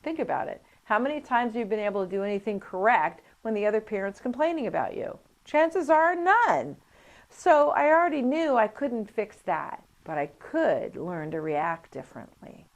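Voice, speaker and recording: A woman's voice: mid-range voice, brisk, hardly any pauses. A woman instructor teaching a coparenting class, telling stories and acting out what people said. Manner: animated storytelling, acts out quoted voices. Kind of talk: lively teaching talk with anecdotes.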